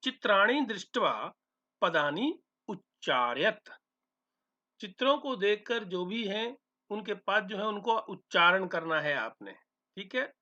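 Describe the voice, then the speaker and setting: A man's voice: high-pitched, very animated, measured pace, bright, forceful tone. A man teaching a Sanskrit textbook lesson, speaking. He repeats each word two or three times so students can copy the pronunciation, then gives its meaning. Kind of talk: recorded lesson explaining a textbook chapter. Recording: dull, lo-fi sound.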